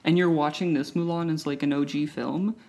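A woman co-hosting a casual film chat, animated and opinionated, often talking over her co-host. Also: low voice, fairly quick.

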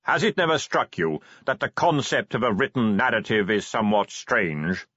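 Death speaks slowly and evenly, a patient skeletal being with dry wit, as a man reads him. The voice is a touch husky and close. The recording is dull and lo-fi, like an old audiobook. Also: lowish voice, expressive, a bit bright, no room sound. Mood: dry, unhurried. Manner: slow, measured, dry. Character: Death, calm slow skeletal male being.

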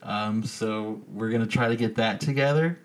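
A man's voice: lowish voice, moderate pace. A man hosting a casual podcast, talking in a crude, joking, rambling way. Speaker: podcast host.

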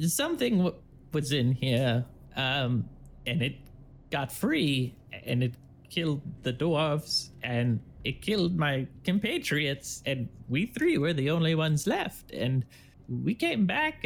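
A man's voice: fairly high pitch, very animated, slow, creaky, slight background noise, pitched above the performer's own voice, full character voice. Man putting on a stammering, frightened goblin. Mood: fearful. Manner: stammering, pleading, nervous. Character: timid frightened male goblin survivor. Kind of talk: tabletop role-play voice.

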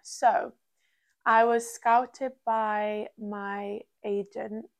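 Young Durham woman, creaky voice. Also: mid-range voice, little pitch movement, very slow. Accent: Durham, North East English. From Durham, England. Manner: chatty, uses "like" constantly. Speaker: podcast guest, part-time model. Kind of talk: casual chat interview.

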